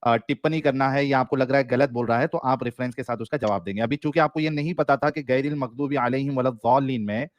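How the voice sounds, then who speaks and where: A man's voice: medium pitch, fast, few pauses, no echo, muffled recording. A man moderating an online debate, making firm but polite requests for order.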